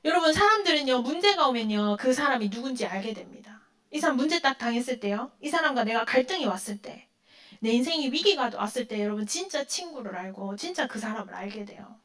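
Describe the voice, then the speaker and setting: High-voiced woman preaching to teens. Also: animated, a little fast, a bit bright. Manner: asks the listeners questions and answers them; acts out quoted lines in a dramatic voice. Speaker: youth group preacher. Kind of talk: sermon to teenagers.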